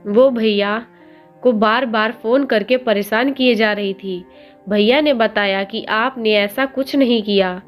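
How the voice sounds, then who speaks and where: A woman voicing a teenage schoolboy who pleads with his sister-in-law in a choked, sobbing voice, in a storybook reading. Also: fairly high pitch.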